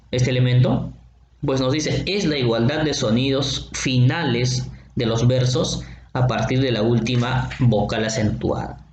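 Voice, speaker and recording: A man teaches a lesson in a patient, explanatory way, often pausing to check that his listeners follow and stretching words out slowly, syllable by syllable. His voice sits at an ordinary middle pitch. The recording is dull and lo-fi, with a roomy echo and faint ambience behind him. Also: a little mellow, a little hiss or hum.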